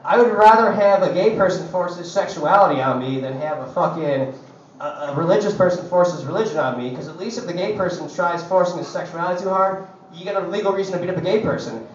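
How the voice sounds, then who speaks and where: A man's voice: high voice, fast, slight background noise. A young man doing a crude, profane stand-up set in a coffee shop, rambling with lots of "like, you know". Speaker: stand-up comedian. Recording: echoey, dull, distant camera recording.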